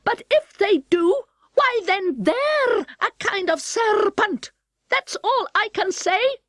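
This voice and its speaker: A woman's voice: extremely high pitch, expressive, slow pace, a bit bright, no echo, clean studio sound, voice pushed up, heavily acted. A woman voicing an indignant, scornful mother pigeon in an emphatic, argumentative manner for a storybook reading.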